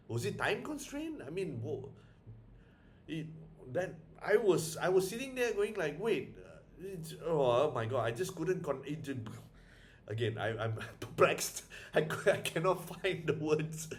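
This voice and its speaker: Man, casual movie review, rambling, exasperated, lively up-and-down pitch, faint low rumble behind. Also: a little slow. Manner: rambling, exasperated, laughs often, many restarts.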